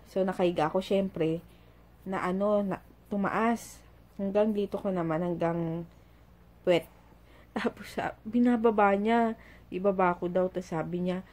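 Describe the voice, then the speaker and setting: A woman's voice: medium pitch, dark tone. A mother chatting casually in a home vlog, telling a story in a giggly, talkative way while doing chores. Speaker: vlogger and mother.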